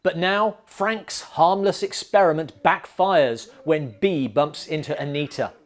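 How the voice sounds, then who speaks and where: A man's voice: a little high, unhurried. Dry, sarcastic male film reviewer.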